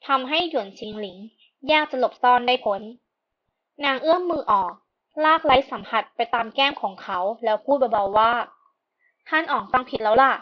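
Woman narrating a storybook, slightly high. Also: lively intonation, normal speed, dull audio. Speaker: audiobook narrator. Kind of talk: scripted narration.

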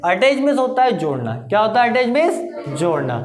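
A teacher giving a grammar lesson, asking rhetorical questions, answering them and slowly repeating each answer. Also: mid-range voice, sing-song. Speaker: English teacher. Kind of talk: classroom-style grammar lesson. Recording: roomy echo with faint background noise.

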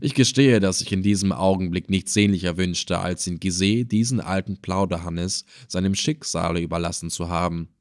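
A man reading an adventure story aloud in the first person, calm and measured. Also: low-pitched, no echo, studio quality. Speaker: audiobook narrator. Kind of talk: first-person audiobook narration.

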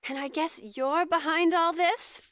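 A woman voicing a bossy, anxious young girl in an animated cartoon, with a flustered, imperious manner. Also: very high voice, measured pace, dry recording, clean studio sound. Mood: indignant. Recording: music under the dialogue.

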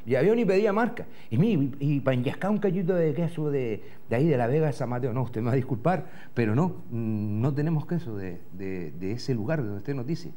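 Talking a little fast with hardly any pauses, a middle-aged TV host from Gran Canaria spins a rambling, swearing comic story in character in a Canarian Spanish accent, doing others' voices. His medium-pitched voice is animated and dark, captured by a lapel mic in a studio in front of a backdrop.

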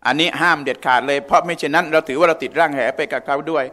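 A man's voice: on the high side, very fast, sharp tone. A man giving a conversational religious lecture in a mosque, often asking the audience questions. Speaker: religious teacher.

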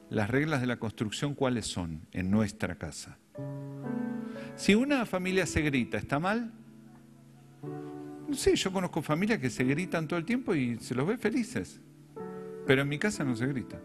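Rioplatense man preaching, slightly high voice. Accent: Rioplatense Spanish. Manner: storytelling with self-deprecating humor. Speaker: pastor. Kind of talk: sermon.

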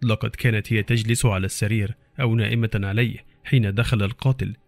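A man's voice: fairly low pitch, steady tone, fast talker, vocal fry, a little mellow, no room sound, faint music behind. A middle-aged man reading a horror story aloud as a dramatic audiobook narrator.

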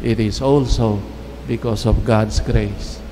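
A middle-aged man preaching a homily at Mass, speaking in measured, halting phrases with pauses, into a lectern microphone. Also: lowish voice, steady tone, dark tone, a little hiss or hum. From Philippines. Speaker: priest. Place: church chapel. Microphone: standing mic at lectern. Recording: long church reverb, faint ambience.

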